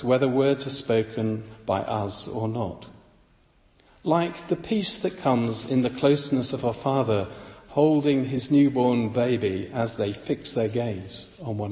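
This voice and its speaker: Slow, reflective man preaching in an echoey hall. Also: mid-range voice, a little mellow. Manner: measured, reflective reading. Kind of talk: devotional Bible reflection.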